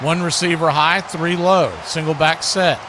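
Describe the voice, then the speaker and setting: Unhurried and steady in tone, this man's somewhat high voice calls a live American football game in short, clipped lines. The stream is noisy with background sound, and he gets louder whenever a big play unfolds.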